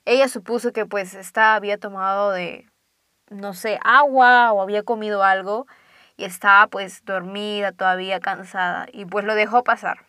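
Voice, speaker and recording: A woman's voice: medium pitch, moderate pace, clean tone, no room sound, studio quality. Young woman telling a ghost story. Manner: lively, drops to hushed tones for suspense. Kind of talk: casual spoken ghost story.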